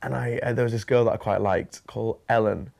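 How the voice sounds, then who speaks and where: A man's voice: medium pitch, fairly even intonation, creaky, darkish tone, a little hiss or hum. A young man from northern England, rambling and hesitant as he recalls his childhood in an interview. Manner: rambling, hesitant, many fillers, bursts of quick talk. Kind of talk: reminiscing about childhood.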